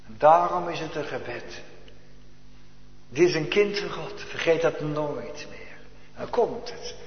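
A man preaching a sermon to his congregation, swinging from hushed asides to loud, emphatic declamation in old-fashioned churchly Dutch. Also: medium pitch. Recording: echoey church hall, dull lo-fi.

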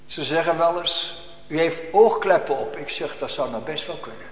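A man preaching a sermon, swinging between loud emphatic calls and quiet, almost whispered asides. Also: a little high, normal speed. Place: church. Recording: echoey church hall.

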